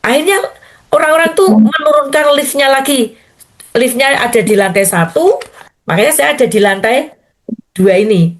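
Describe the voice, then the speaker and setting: A woman's voice: high-pitched, animated, moderate pace, pauses often. Older woman pastor telling a testimony. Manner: storytelling, addressing listeners as Bapak Ibu. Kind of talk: testimony in a morning prayer sermon.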